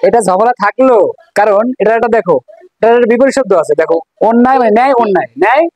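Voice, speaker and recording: A woman's voice: on the high side, expressive, fast talker, a little mellow, dry recording, rough recording. Dry-sounding woman teaching a class. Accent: Bangladeshi Bengali. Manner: coaxing, asks questions and repeats answers. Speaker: math teacher. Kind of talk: classroom lesson to students.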